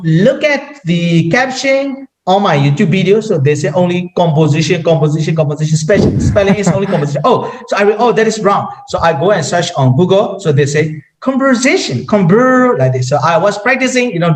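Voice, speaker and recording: High-voiced man with a Burmese accent. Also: expressive, brisk, hardly any pauses, low-quality recording. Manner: hesitant, repeats words, many "you know" fillers. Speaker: guest sharing language-learning tips. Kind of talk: casual conversation.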